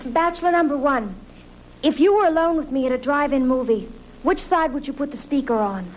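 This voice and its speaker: An actress playing a flirty, giggly dating show contestant in a TV comedy sketch, on a vintage broadcast with an audience. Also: female voice, sits high, fairly quick, a little hiss or hum, lightly acted, rough recording.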